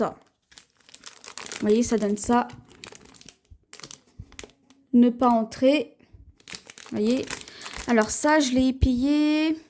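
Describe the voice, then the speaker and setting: A woman with a French accent, chatting slowly through a haul video at home, showing her purchases with many pauses and fillers. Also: high voice, a little mellow, slight background noise. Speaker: haul vlogger. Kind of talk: casual haul video, showing items to camera.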